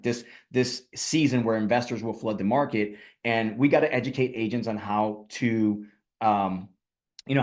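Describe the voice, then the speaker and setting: A man from Puerto Rico giving a rallying, conversational presentation on a video call as a guest speaker, with many fillers. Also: medium pitch. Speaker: guest speaker, real estate team leader. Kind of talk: energetic motivational presentation.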